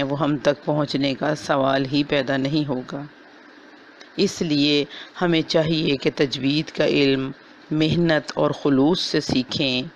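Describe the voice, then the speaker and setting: A woman teaching Quran recitation in a recorded lesson, explaining briskly and then spelling out letter sounds slowly, syllable by syllable. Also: low-pitched, highs cut off, slight background noise.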